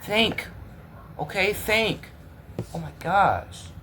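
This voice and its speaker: Male reaction host, exasperated and repetitive, slightly high voice. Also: expressive, very slow, heavy background noise. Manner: exasperated, repetitive, talks straight to viewers. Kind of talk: casual reaction commentary.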